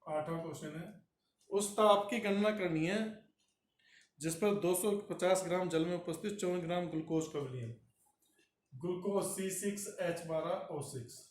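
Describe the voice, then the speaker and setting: A man teaching chemistry, working a problem step by step and doing the arithmetic aloud. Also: on the high side. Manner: slow, talks through arithmetic aloud. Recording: roomy echo from far off the mic.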